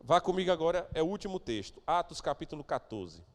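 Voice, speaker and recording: A man preaching a sermon as pastor of a church, moving between quiet asides and loud, emphatic declarations. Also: on the high side, sing-song, fast talker, in a large hall. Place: church sanctuary.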